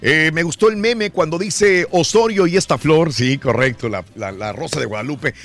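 A man's voice: fairly high pitch, moderate pace, fairly bright tone. A man hosting a casual sports radio show, chatting and greeting listeners.

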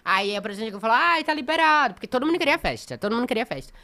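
Fast, bright woman guest telling lively anecdotes in casual chat. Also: medium pitch. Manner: animated storyteller, acts out others' lines.

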